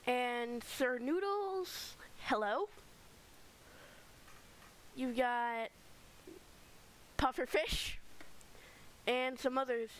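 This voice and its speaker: A woman's voice: high-pitched, very slow, pauses often, slight background noise, low-quality recording. A woman hosting a casual game let's play, chatting in a rambling way as she gives a tour with fillers. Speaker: gaming channel host.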